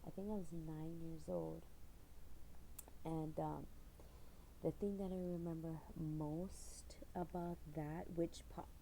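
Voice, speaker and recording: Middle-aged woman, rambling vlog storyteller, deep and mellow, faint hiss under her. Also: steady tone, slow, creaky, long pauses, low-quality recording. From Hawaii. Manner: rambling storyteller with frequent fillers and laughs. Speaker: channel owner. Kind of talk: casual personal vlog.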